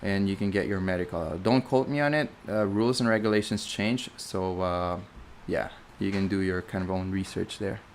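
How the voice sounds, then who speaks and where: With a low voice at normal speed, this young man from the Philippines, a flight instructor, rambles chattily through a live Q&A stream in a Filipino accent. He keeps correcting himself and leans on fillers, and there's slight background noise.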